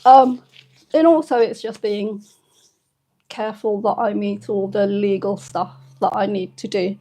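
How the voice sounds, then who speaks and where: Hosting a relaxed live stream, this channel host from the United Kingdom, in her fifties, has a medium-pitched, steady tone. She's emotional and somewhat tearful, her soft, hesitant speech broken by many pauses and fillers.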